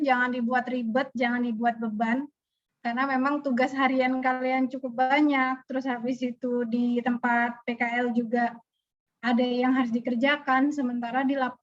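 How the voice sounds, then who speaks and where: A woman teacher from Indonesia giving students a casual, chatty briefing on a video call, with loose phrasing and frequent restarts. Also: high-pitched. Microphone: video call audio. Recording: muffled video call audio.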